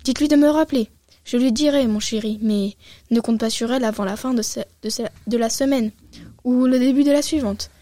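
A woman's voice: fairly high pitch, fairly even intonation, a little fast, dark tone, no echo, close to an everyday voice. A woman voicing a condescending, sugary company secretary in a storybook reading. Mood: dismissive. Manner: patronizing, sugary. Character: condescending female company secretary, middle-aged. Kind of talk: audiobook reading.

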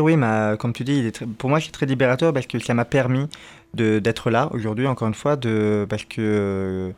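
A man's voice: mid-range voice, darkish tone. Man with a slushy lisp, talking casually. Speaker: interview guest, stand-up comedian. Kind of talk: casual interview chat.

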